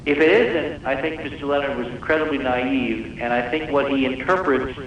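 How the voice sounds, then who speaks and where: A man with a mid-range voice and fairly even intonation speaks at a moderate pace as a guest researcher on a live radio call-in show. He explains technical detail emphatically, repeating words for weight. The broadcast sounds distant, very echoey, muffled and noisy.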